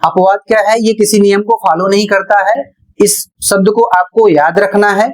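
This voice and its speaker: A woman's voice: mid-range voice, steady tone, normal speed. A woman teacher explaining English pronunciation rules in a classroom-style lesson, spelling words out letter by letter.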